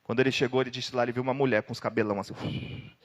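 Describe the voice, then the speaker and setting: A man preaching a sermon with a Brazilian Portuguese accent, telling a dramatic story and breaking into loud cries now and then. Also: mid-range voice, level tone, very fast, in a large hall.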